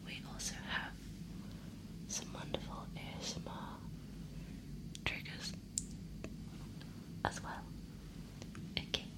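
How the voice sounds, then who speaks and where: A woman host doing whispered role-play, speaking in a soft, breathy whisper. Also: slow pace, long pauses, poor audio. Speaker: podcast host.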